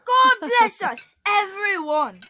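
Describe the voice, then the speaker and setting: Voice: extremely high pitch, animated, slow pace, bright, forceful tone, heavily acted. An actor voicing Tiny Tim, a sweet, pious and innocent little boy, in a radio play. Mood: earnest, tender.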